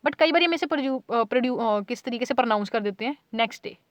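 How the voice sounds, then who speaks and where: Patient woman tutor, fairly high voice. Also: expressive, quick pace, dry recording, muffled recording. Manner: explains patiently, repeats "ठीक है" often, sounds out example words. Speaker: teacher. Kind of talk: whiteboard lecture in Hindi with English terms.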